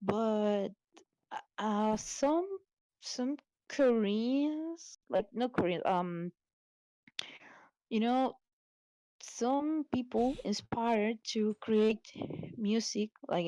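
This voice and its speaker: A woman's voice: mid-range voice, dark tone, no echo, rough recording. Woman streamer, blunt and sweary, takes her time, dry close sound. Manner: blunt, swears a lot, nonnative English. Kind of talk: casual chat.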